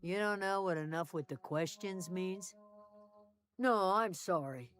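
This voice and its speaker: A woman's voice: on the low side, unhurried, soft background music, close to an everyday voice. An actress playing a guarded, worried woman keeping watch over a camp in a video game, blunt and folksy in her phrasing.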